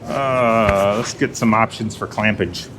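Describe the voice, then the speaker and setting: Heavy background noise surrounds a man with a fairly low voice who takes it slowly while hosting his garage vlog. As he works, he talks casually to himself and viewers, muttering asides, sometimes whispering and making self-deprecating jokes.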